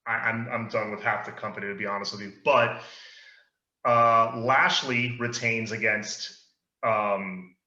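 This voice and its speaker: Bright-voiced man in an echoey room. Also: lowish voice, fairly even intonation, a little slow. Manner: easygoing, opinionated, leads the discussion. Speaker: podcast co-host. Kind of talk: casual chat about wrestling. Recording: echoey room, dull lo-fi sound.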